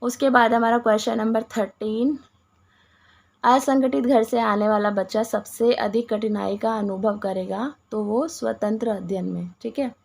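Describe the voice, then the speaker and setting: Hoarse woman teacher, bit of a cough, gravelly and a little high, goes through exam answers with lots of restarts. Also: fairly even intonation, a little slow, a little mellow. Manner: explains each answer with many restarts, mixes English words. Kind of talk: Hindi exam-prep lesson.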